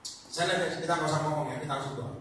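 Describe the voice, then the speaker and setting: A man's voice: on the high side, quick pace. A man preaching as an evangelist at a home prayer meeting, telling stories animatedly and calling out to his listeners. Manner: animated storytelling, addresses listeners as brothers. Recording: echoey room, distant mic, noisy.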